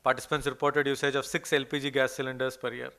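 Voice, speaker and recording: This Indian English-accented man gives a research slide presentation at a conference hall, followed by a question session. His medium-pitched, level voice is fast, bright, smooth and forceful, though his delivery stumbles with frequent fillers and restarts.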